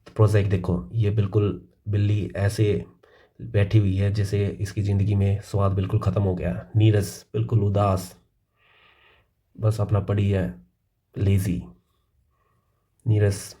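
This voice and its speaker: A man teaching English vocabulary, explaining words casually in Hindi and reading English definitions slowly. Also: lowish voice, level tone, mellow. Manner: calls listeners "भाई".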